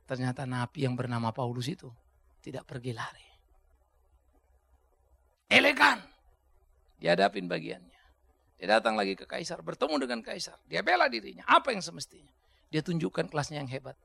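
A male pastor preaching a topical sermon in a colloquial, animated way, breaking into sudden emphatic shouts. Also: on the high side, normal speed, creaky, long pauses, husky.

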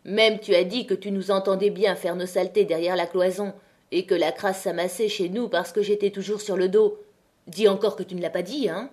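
A woman's voice: steady tone, a little fast, a little mellow, close to an everyday voice. A woman voicing a quarrelsome miner's wife who hurls accusations in an audiobook. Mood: accusing. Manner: accusing, shrill. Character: quarrelsome miner's wife, sharp-tongued gossip.

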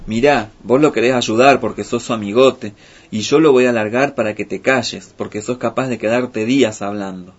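A man's voice: mid-range voice, normal speed, breathy edge, natural voice. A man voicing a vain, bossy female spider healer who scolds and gives orders. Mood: scornful. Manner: scolding, commanding. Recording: muffled with faint music.

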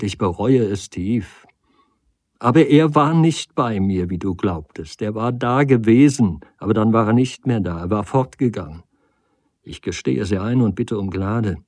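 A man's voice: fairly low pitch, normal speed, darkish tone, no echo, studio quality, natural voice. A man reading the part of a desperate woman who weeps, pleads and reproaches her lover. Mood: pleading. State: crying.

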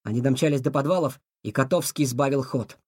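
A man narrating a children's adventure story in an expressive, dramatic reading. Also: mid-range voice, fairly quick, husky, no echo, studio quality.

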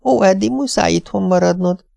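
A fretful wife pleads in a thin, high, weepy whine, as a male audiobook reader puts her on. Her voice has a gravelly edge under the strain, and the recording is dry and close. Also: expressive, darkish tone, dry recording. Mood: whining. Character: whining anxious middle-aged wife. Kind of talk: audiobook character voice.

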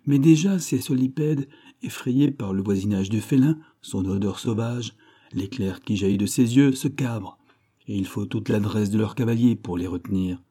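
A pompous middle-aged animal dealer holds forth in grand, declamatory sentences, savoring rare words, as a man reading a storybook puts him on. The voice is very dark and mellow, lifted a little higher than plain narration, with a lively rise and fall. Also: moderate pace, close to an everyday voice. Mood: grandiloquent. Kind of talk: audiobook character reading.

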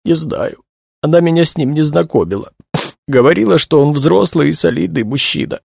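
A man reading a novel aloud, voicing a distraught young woman who is crying and speaks in a halting, high voice. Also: lively intonation, creaky, a little mellow, no room sound, studio quality. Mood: tearful. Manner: halting, tearful, high-pitched.

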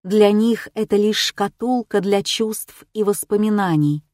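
Woman narrator, first-person audiobook, measured and calm, mid-range voice, dry close recording. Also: mid-range voice, dry recording.

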